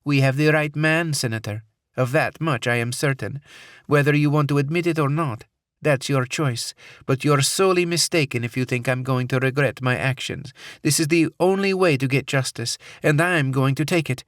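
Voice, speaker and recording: A man voicing a cold, vengeful female terrorist with a smooth voice and a Middle Eastern accent, taunting and menacing in an audiobook. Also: medium pitch, normal speed, a bit bright, dry recording, studio quality, pitched above the performer's own voice, close to an everyday voice. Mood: coldly menacing.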